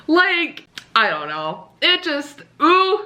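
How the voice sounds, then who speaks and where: A young woman talks straight to her viewers in a chatty, giggly vlog. Her voice sits a little high and sounds bright and sharp. Her pitch swings widely as she tells her stories. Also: slow. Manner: chatty and giggly, animated storytelling. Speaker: book vlogger. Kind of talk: casual chat to camera.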